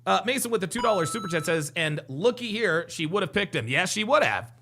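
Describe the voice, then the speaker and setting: A man with a high, sing-song voice talks fairly quickly with a creaky quality over a noisy background. He's a streamer giving live reaction commentary on a dating show clip, cracking jokes and repeating himself while reading viewer comments aloud.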